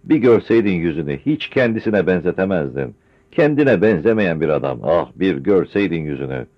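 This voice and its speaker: A man voicing a grieving, frail old village man who pleads tearfully in a high, strained voice. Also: very animated, normal speed. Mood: anxious. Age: older. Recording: dull lo-fi recording.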